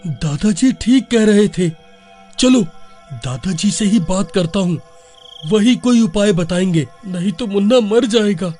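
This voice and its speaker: A man's voice: high-pitched, expressive, a little slow, a little mellow, faint music behind. A man voicing a jittery young village man in a cartoon story, panicky and slangy. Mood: scared.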